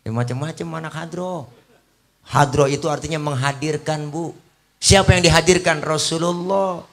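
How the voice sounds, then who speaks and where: A man giving a humorous, lively sermon as a preacher. He often breaks into sung religious chants. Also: fairly high pitch, normal speed.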